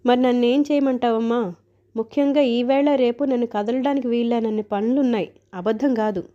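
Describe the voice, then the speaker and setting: A breezy, joking grown son who brushes things off in a teasing, offhand way, as a woman reader voices him. The voice stays high and mellow, and the recording sounds dull and lo-fi. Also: steady tone, normal speed, lightly acted.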